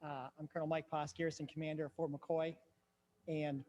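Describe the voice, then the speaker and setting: A man speaks at a school board meeting in an easygoing, casual way, with a few fillers. His voice sits a little high for a man. He jokes lightly as he gives his report. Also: level tone, a little fast, darkish tone. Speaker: garrison commander giving a report. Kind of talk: casual public remarks at a meeting.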